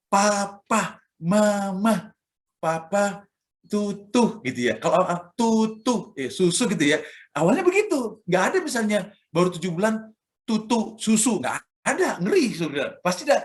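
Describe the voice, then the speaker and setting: Lively man preaching a sermon. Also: sits high, moderate pace. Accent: Indonesian. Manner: lively, acts out sounds and examples. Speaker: church elder preaching.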